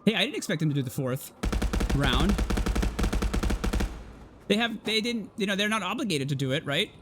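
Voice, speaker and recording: Excitable high-voiced male esports caster. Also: moderate pace, heavy background noise. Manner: excitable, thinks aloud, chatty. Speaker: tournament caster and host. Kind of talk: live esports commentary.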